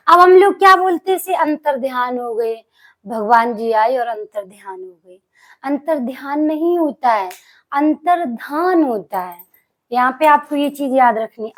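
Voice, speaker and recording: High-voiced woman teaching spelling. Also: fairly bright tone. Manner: asks the class questions and answers them herself; stretches out key words slowly to stress spelling. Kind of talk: exam-prep spelling lesson.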